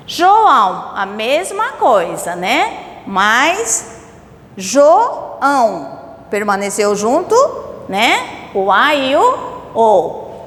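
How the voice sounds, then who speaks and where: Slow, lively-voiced woman teaching a lesson. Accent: Brazilian Portuguese. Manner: explains slowly, asks rhetorical questions with frequent "né?" and "certo?". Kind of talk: recorded remote lesson. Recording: roomy, long reverb with faint rumble.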